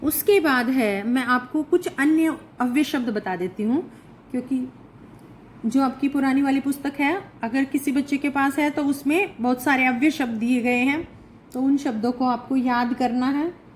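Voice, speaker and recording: A woman's voice: sits high, moderate pace, slight background noise, low-quality recording. A woman teacher giving a recorded lesson, reading each phrase aloud and then translating and explaining it. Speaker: Sanskrit teacher.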